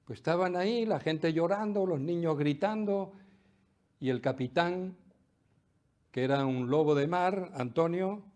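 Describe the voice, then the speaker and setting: A middle-aged man preaches. His voice sits a bit high and moves a lot. He booms out praise, then sinks to a near-whisper for emphasis. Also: a little slow. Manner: lively preaching with sudden drops to near-whisper. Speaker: pastor. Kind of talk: sermon.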